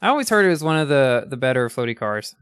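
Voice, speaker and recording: A man's voice: mid-range voice, sing-song, fast talker, fairly bright tone, clean tone, no echo, clean studio sound. A man streaming a racing game live, chatting casually and reacting aloud as he plays, often restarting his sentences.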